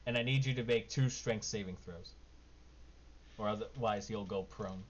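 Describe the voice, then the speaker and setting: A man with a lowish voice acts as game master. He narrates and rules casually and informally. The recording is dull, with faint noise behind him. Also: moderate pace. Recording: dull lo-fi mic, background noise.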